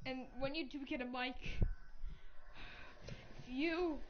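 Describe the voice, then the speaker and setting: A woman's voice: sits high, slow. A woman streaming a game, chatting casually in a rambling, joking way. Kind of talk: casual gaming chat. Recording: dull lo-fi audio with steady noise.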